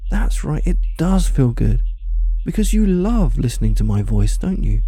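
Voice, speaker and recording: A man speaking as a hypnotist in a slow, soft, calm voice that often sinks to a whisper, coaxing and commanding with repeated phrases. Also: medium pitch, husky, no room sound. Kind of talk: slow hypnosis audio, trance induction.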